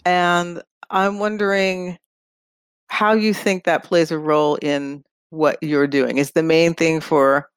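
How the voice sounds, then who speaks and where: A woman hosting a podcast who asks questions in a measured, inquisitive way. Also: sits low, fairly even intonation, clear, resonant tone, dry recording. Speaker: podcast host. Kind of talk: podcast interview.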